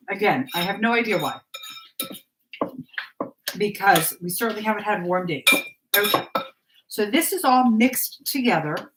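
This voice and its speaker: A woman's voice: a little high, a bit bright, a little hiss or hum, low-quality recording. A middle-aged woman hosting a casual cooking video, chatting to her viewers as she works in her home kitchen. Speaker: cooking vlogger. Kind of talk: casual live cooking chat. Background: clatter of dishes and pans.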